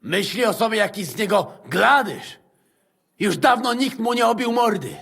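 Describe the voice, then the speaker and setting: An actor playing a hot-tempered, swearing male fighter with a gravelly, raspy voice. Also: high voice, animated, normal speed, fairly bright tone, exaggerated voice. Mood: scornful. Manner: swearing, aggressive.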